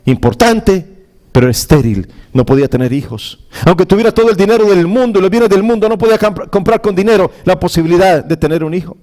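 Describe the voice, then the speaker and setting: A male pastor retelling a scripture story in a sermon, dramatic, with exclamations and frequent halting restarts. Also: high-pitched, a little mellow.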